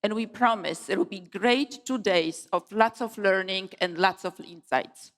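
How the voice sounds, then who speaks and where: Woman giving a speech in a reverberant hall. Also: mid-range voice. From Poland. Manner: measured, emphatic delivery with deliberate pauses. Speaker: conference co-founder giving opening speech. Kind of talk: formal opening speech. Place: large conference hall.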